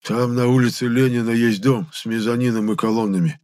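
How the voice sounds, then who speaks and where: A man's voice: mid-range voice, steady tone, a little fast, darkish tone, natural voice. A man voicing a whiny, moaning male spirit stuck inside a rotting corpse, who sometimes bursts into roaring. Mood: explaining.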